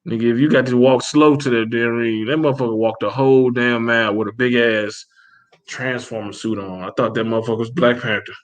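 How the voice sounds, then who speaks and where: A man co-hosting a casual boxing chat, profane and animated, acting out quotes as he tells stories. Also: medium pitch, brisk. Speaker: podcast co-host.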